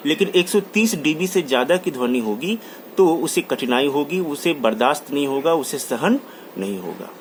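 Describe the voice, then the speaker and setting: At normal speed and in a slightly high, animated voice, a college lecturer gives a class lecture in Hindi laced with English terms. Key terms get repeated and every point restated; faint background noise is audible.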